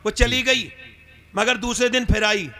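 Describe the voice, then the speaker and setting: A man's voice: very high-pitched, measured pace. A man preaching a storytelling sermon, acting out the characters as he tells the tale. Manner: animated, acts out the characters in the story.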